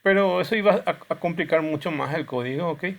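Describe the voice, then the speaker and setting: A man lectures his class in a rough, gravelly voice that sits a little high for a man. He explains things step by step while he plays demonstration videos, and he often checks that the students are following. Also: fairly quick. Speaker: teacher.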